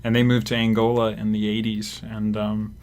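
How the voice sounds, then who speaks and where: A man's voice: fairly low pitch, moderate pace, slight background noise. A young man raised in Africa, a graduate student talking through a casual studio interview with lots of fillers. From Zimbabwe and Kenya. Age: young adult. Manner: relaxed, rambling with fillers. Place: radio studio.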